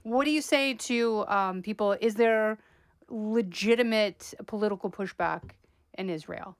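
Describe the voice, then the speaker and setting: A woman's voice: medium pitch, a little slow, no echo. Direct woman host, dry close voice. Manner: direct, probing questions. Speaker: podcast host. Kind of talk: interview.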